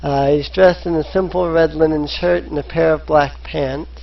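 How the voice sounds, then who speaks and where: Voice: medium pitch, steady tone, normal speed, gravelly. A dungeon master narrating a tabletop game, hesitant and full of filler sounds, in a dull lo-fi recording.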